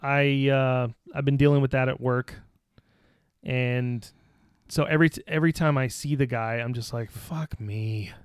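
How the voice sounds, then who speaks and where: A man with a smooth, clear voice of middle pitch tells stories in an easygoing way, with jokes and some swearing. The recording is close and dry, with no room sound. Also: steady tone, moderate pace, dry recording. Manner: easygoing storyteller, joking, profane. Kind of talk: casual podcast chat.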